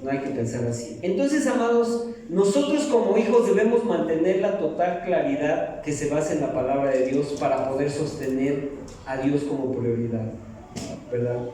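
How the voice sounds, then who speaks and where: A man's voice: a little high, animated, moderate pace, warm tone, distant mic, a little hiss or hum. A middle-aged man preaching a sermon in a church, joking and asking the congregation questions. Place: church hall. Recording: echoey hall, mic from afar.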